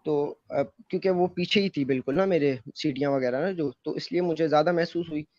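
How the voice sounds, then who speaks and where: A man's voice: on the high side, fast, darkish tone, no room sound. A man casually telling a story about his own experience, with many fillers and restarts. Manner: loose rambling retelling with many fillers. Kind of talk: casual first-person storytelling. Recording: dull, muffled, dry close mic.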